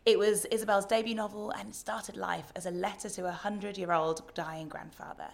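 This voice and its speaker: A woman's voice: medium pitch, creaky. A woman hosting a podcast, introducing a book and asking questions in a friendly way. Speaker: podcast host. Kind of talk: casual interview.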